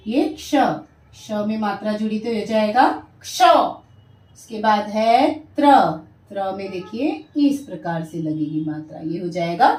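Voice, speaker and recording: A woman teacher slowly sounding out syllables and words, loud and clear for pupils to repeat after her. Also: mid-range voice, lively intonation, distant mic. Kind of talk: Hindi vowel-sign lesson for children. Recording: echoey room, voice set back from the mic.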